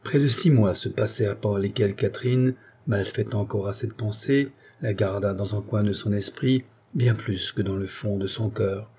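A man reading a classic novel aloud as an audiobook narrator, steady and expressive. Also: on the low side, normal speed, hardly any pauses, breathy edge.

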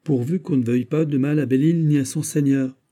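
A proud Breton fisherman, as a man narrator puts him on, plain and earnest, boasting of his island. The voice stays dark and a little husky, pitched higher than the narration, firm and sure. Told as a storybook reading. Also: fairly even intonation, fairly quick, natural voice.

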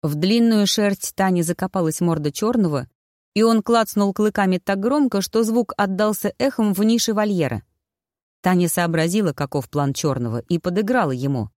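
An audiobook narrator reading a fantasy story in a steady, even storytelling manner. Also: medium pitch, moderate pace, dry recording, studio quality. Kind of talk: scripted narration.

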